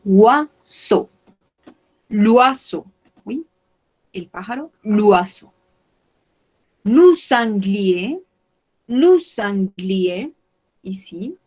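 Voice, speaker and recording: A woman gives a French vocabulary lesson. She speaks very slowly, spelling out each word and repeating it for the class. Her voice sits at an ordinary middle pitch. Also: animated, darkish tone. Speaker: French teacher.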